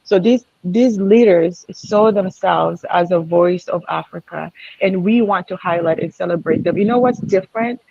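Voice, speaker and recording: A woman's voice: lowish voice, normal speed, vocal fry, a little mellow, husky, no echo. A woman on a virtual panel, speaking in an earnest, admiring way with many fillers. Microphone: video call. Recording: dull lo-fi video call audio.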